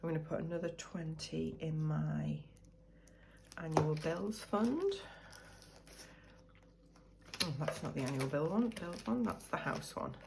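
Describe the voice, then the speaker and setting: Low-pitched, with vocal fry and frequent pauses, a British woman speaks at a measured pace over background noise. She's a budgeting vlogger with a cold-roughened voice, chatting casually and thinking out loud as she counts cash into envelopes.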